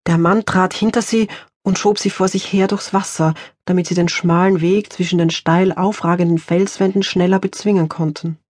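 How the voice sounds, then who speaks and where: A woman author reading her own crime novel aloud in a measured, tense audiobook narration. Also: on the low side, steady tone, a little mellow, no room sound, clean studio sound.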